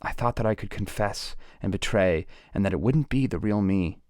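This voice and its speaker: A man voicing a weary, broken woman who speaks in a hushed, halting way. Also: on the low side, dry recording, clean studio sound, close to an everyday voice.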